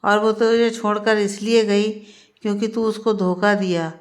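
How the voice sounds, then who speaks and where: Woman doing a stern mother, middle-aged, insistent, reproachful, level flat pitch, storybook. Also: normal speed, lightly acted. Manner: insistent, repeating claims.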